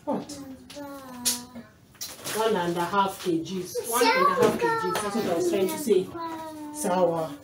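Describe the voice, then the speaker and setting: A woman's voice: medium pitch, wildly swooping pitch, measured pace, long pauses, recorded from a distance. A Kenyan woman in her thirties chatting casually as she unpacks groceries in a small home kitchen, moving around away from the camera. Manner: chatty, unpacking items while talking, drifting from the camera. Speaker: mom vlogger. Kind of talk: casual grocery haul vlog. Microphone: camera mic from across the room. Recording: echoey kitchen, off-mic, noisy.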